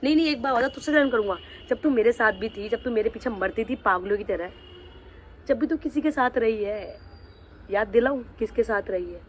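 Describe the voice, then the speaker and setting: A man's voice: very high-pitched, animated, brisk, a little hiss or hum. A man vlogging, angrily confronting someone directly and threatening to reveal the truth about them. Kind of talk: angry vlog rant.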